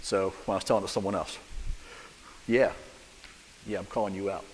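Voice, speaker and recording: A man's voice: sits low, steady tone, a little fast, a little hiss or hum. A man, a church elder, preaching a sermon in a conversational way, full of rhetorical questions and humor, in a church sanctuary. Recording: long church reverb.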